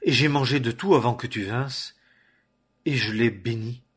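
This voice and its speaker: A man reading the lines of an aged blind father in a solemn, measured way. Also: mid-range voice, husky, close to an everyday voice. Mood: shaken.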